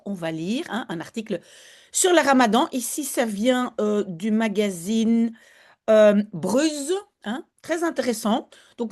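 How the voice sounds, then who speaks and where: A chatty woman gives an online language lesson. Her voice sits a little high and swoops up and down, lively as she explains. She breaks off to slowly sound out words. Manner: chatty and lively, apologizes for digressions, models pronunciation slowly. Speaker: Dutch teacher.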